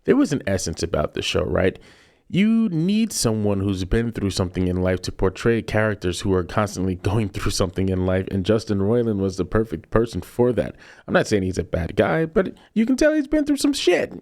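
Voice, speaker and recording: A man's voice: low voice, lively intonation, brisk, a little mellow. A man in his thirties hosting an opinion show, ranting emphatically and repeating himself for effect. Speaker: commentary host. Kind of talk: casual opinion rant.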